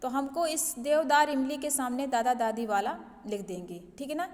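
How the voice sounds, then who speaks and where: A woman's voice: high-pitched, normal speed, long reverb tail. A woman schoolteacher explaining a lesson to her pupils, checking in often and mixing English words into her talk. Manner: repeats "ठीक है ना" as a check-in with pupils; mixes English words into Hindi teaching. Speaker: school Hindi teacher. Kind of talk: online class lesson explanation.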